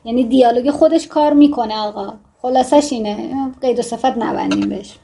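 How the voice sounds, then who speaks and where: A woman's voice: a little high, vocal fry, mellow. A woman teaching fiction writing in a casual, chatty way, wandering off into joking asides. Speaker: writing instructor.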